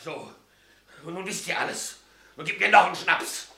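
A drunk, defiant traitor. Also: male voice, high voice, moderate pace, creaky, bright, forceful tone, exaggerated voice. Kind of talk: 1950s radio drama acting. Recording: echoey radio studio.

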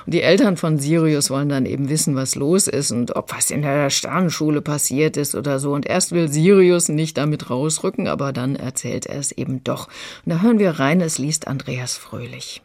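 A woman's voice: deep voice, normal speed, a little mellow. A woman reviewing a children's audiobook in a chatty radio discussion. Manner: chatty, retelling a plot. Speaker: book critic.

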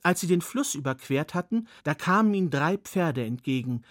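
A man's voice: a little high, animated, normal speed, no echo, studio quality. A man telling a fairy tale in a personal storytelling manner with occasional asides.

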